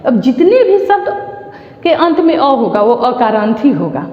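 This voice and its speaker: A woman from Bihar with an Indian accent teaching a Sanskrit class online, reciting word forms in slow, deliberate drills. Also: high voice, very animated. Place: classroom or school room. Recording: echoey room, dull lo-fi sound.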